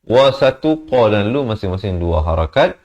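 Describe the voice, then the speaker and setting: A man with a Malaysian Malay accent teaching Quran recitation rules. He chants short phrases, then drops into quiet spoken explanation and patiently corrects mistakes syllable by syllable. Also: fairly low pitch, big pitch swings, normal speed.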